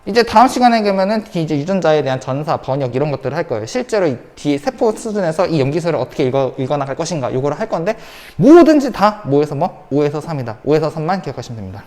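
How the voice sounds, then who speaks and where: A woman high school science teacher delivers an online lecture in a low-pitched, darkish, sing-song voice at a quick pace, with a long reverb tail. She repeats key points and throws rhetorical questions at the class.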